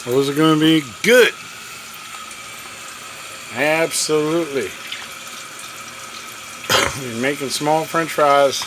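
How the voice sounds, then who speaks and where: A folksy man cooks in a camper kitchen on a propane cooker for his casual cooking vlog, chatting away and occasionally talking with his mouth full. He has a fairly high voice and speaks at a slow pace with long pauses. Boiling water and frying make the home video noisy.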